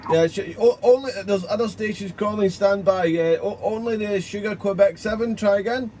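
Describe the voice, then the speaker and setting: A man with a fairly high voice runs a ham radio exchange. He spells call signs in phonetic words and repeats key details deliberately, over faint background noise. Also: darkish tone. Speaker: amateur radio operator calling CQ. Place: amateur radio station.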